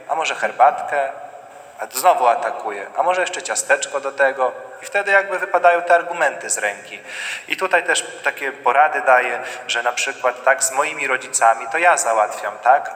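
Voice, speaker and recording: A man preaching a sermon as a priest, now and then mimicking quarrelling spouses in quick asides. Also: mid-range voice, sharp tone. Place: church. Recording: echoey church hall.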